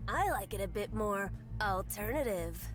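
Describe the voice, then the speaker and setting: A woman's voice: medium pitch, expressive, moderate pace, lightly acted. A woman voicing a jumpy hipster hedgehog in a video game, a know-it-all music snob. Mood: snobby. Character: snobbish hipster hedgehog, jumpy and easily scared.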